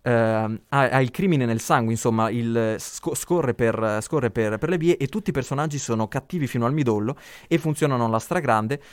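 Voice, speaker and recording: A man's voice: medium pitch, moderate pace, hardly any pauses, no echo. A man co-hosting a podcast, chatting casually about films in a hesitant way. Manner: hesitant, restarts phrases. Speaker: podcast co-host. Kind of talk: casual film chat.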